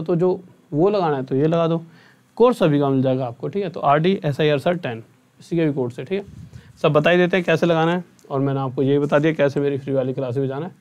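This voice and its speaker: A man's voice: on the high side, a little mellow. A young man, a math teacher, chatting earnestly with students at the end of an online class and often checking in with them. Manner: chatty and earnest, often asks "theek hai?".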